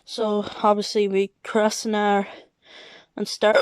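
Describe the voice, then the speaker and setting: Woman, hiccups, slow unhurried talk, flat pitch, dry close sound. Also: clear, resonant tone, dry recording, low-quality recording. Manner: reads out lineups, keeps apologizing. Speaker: football vlogger. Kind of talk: casual live football reaction.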